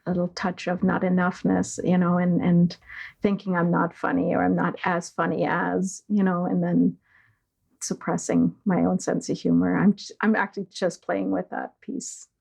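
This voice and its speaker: A middle-aged woman originally from East Germany talks as an interview guest, slow and searching, with frequent fillers and pauses. Her tone is mellow and dark, with a gravelly fry, and her pitch stays flat and even. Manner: slow, hesitant, with many fillers. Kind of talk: reflective conversation.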